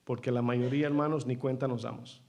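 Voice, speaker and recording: A man's voice: medium pitch, steady tone, fairly quick, darkish tone. A man preaching a sermon as pastor. He asks the congregation questions, calls them brothers, and acts out short dialogues in changed voices. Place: church.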